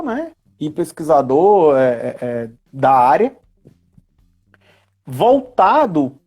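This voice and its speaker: In a relaxed live chat, a Brazilian-accented guest expert on tabletop RPGs explains topics in a teacherly way, peppering his speech with tag questions. His voice is high-pitched and a little mellow.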